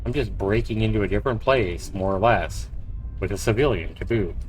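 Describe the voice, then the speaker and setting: Livestreaming a visual novel, a man reads the narration aloud like a storyteller and slips in short asides. His voice is on the low side, brisk, and a little mellow, with poor audio and faint game music behind him.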